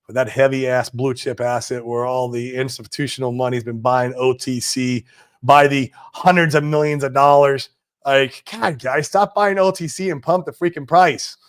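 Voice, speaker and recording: Male streamer in his forties, casual and slangy, mid-pitched, unhurried chat. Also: fairly even intonation, smooth. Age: 40s. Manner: laid-back, slangy, trailing off with "man" and "dude". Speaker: livestream host. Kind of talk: casual livestream chat reading viewer comments. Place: home in Puerto Rico.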